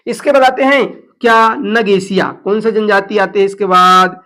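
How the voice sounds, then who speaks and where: A man's voice: high-pitched, steady tone, normal speed, pushed and bright. A man teaching an exam class, asking questions and answering them himself, with local phrases mixed in. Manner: slips into Chhattisgarhi phrases. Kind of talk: lecture drilling exam facts.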